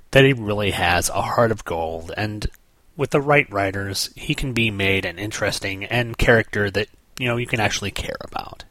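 A man's voice: low voice, a bit bright, no echo. A man hosting a podcast, reviewing a comic book page by page in casual commentary with wry, sarcastic asides.

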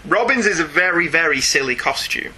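A man from northern England with a fairly high, slightly rough voice speaks fairly quickly as he hosts a casual comics podcast. He reads listener emails in his Northern English accent, staying jokey and animated and wandering off into asides.

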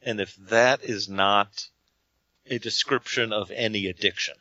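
A man's voice: on the low side, steady tone, unhurried, sharp tone, dry recording, lo-fi sound. A man co-hosting a podcast, talking emphatically about an album and repeating himself as he builds a point. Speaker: podcast co-host. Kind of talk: casual album discussion.

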